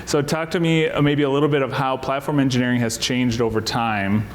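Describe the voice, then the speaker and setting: A man moderating a conference panel, asking brisk, encouraging questions. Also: medium pitch, fairly even intonation. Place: conference stage. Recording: hall reverb with faint ambience.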